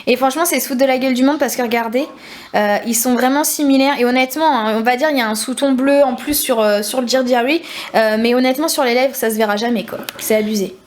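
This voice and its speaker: Chatty high-voiced young woman vlogger. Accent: French regional. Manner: chatty, laughs often, quick asides. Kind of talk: casual vlog chat. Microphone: handheld camera.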